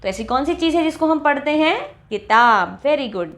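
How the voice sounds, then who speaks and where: A woman teacher walking young children through a textbook lesson, reading each example word slowly and clearly. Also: sits high, lively intonation, fairly bright tone. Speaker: primary school teacher.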